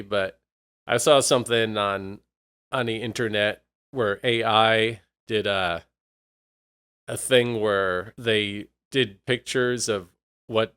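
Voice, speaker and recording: A man's voice: lowish voice, fairly bright tone. Rambling, slightly worn-voiced man. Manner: rambling, reflective, with many fillers and restarts. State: voice a bit worn. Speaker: podcast host. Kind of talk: casual solo monologue.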